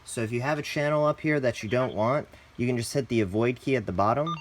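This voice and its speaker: Talking fast in a mid-range voice, a man hosts a casual, plainly instructional product tutorial and refers to his audience as "guys." Slight background noise is audible.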